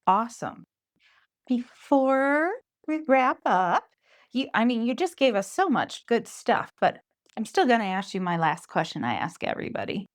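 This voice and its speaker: A woman's voice: a little high, very animated, normal speed. Enthusiastic woman podcast host. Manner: enthusiastic, affirming. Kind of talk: conversational podcast interview.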